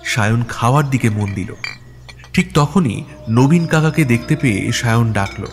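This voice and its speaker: A man narrating an audio story in a steady, measured reading style. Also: medium pitch, faint music behind.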